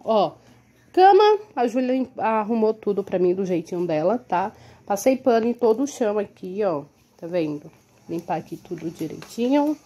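A woman's voice: medium pitch, very animated, moderate pace, dark tone. A young woman with a Brazilian Portuguese accent, chatting casually in a home vlog, recorded on a phone held at arm's length in a small room. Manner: chatty, with many tag questions like "tá?" and "entendeu?". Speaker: vlogger and mother.

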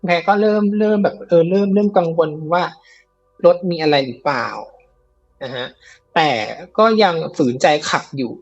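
A man's voice: sits high, expressive, normal speed, dull audio, soft background music. A man telling a ghost story in a casual, chatty way, with many fillers and repeats, on a live show. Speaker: guest storyteller of ghost stories.

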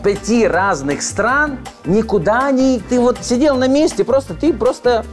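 Seated at a table in a cozy room lined with wall clocks, an author from Uzhhorod, western Ukraine, talks as a guest in a laid-back interview over background music. His very high-pitched voice is animated yet a little slow, and he is thoughtful and hesitant, full of fillers and self-corrections.

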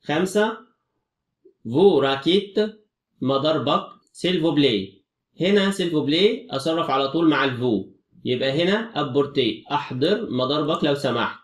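A man's voice: fairly high pitch, expressive, moderate pace, reverberant, distant mic. A man with an Egyptian Arabic accent teaching a French exam review, explaining each answer step by step.

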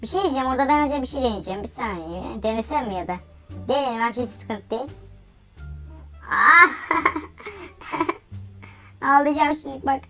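High-pitched excitable woman gamer. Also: rapid-fire, soft background music. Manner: excitable, exclaims and laughs often. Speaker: gaming YouTuber. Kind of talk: Roblox gameplay commentary.

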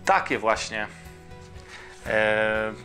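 A man's voice: fairly low pitch, very slow, sharp tone, faint music behind. A man teaching a school literature lesson, reading a story and explaining with fillers and rhetorical questions. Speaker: Polish language teacher.

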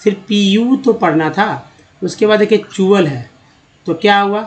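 A man teaches viewers how English letters are read, with a fairly high voice. He asks a question, answers it himself, and repeats the key sounds. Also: normal speed. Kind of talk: explaining lesson to viewers.

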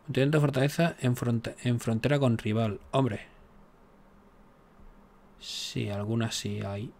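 A gaming YouTuber jokes and chats his way through a strategy game in a casual let's-play, now and then grumbling at the game in exasperation. His middle-pitched voice is creaky and darkish, with fairly even intonation and a slightly slow delivery.

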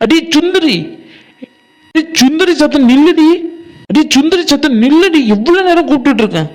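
A man voicing a sharp-tongued village woman in a cartoon, scolding and insulting her friends. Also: extremely high pitch, a little fast. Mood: calling out. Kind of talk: cartoon voice acting.

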